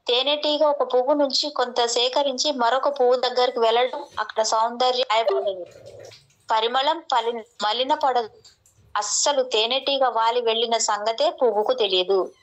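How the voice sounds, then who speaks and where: A woman reading a translated spiritual discourse as steady scripted narration, with an occasional restart. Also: sits high, highs cut off.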